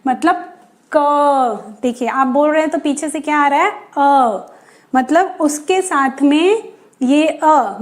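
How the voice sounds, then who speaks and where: A woman's voice: high voice, a little mellow. A woman teaching an alphabet lesson for children, explaining patiently and sounding out each letter with care. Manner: patient, drawn-out pronunciation with pauses.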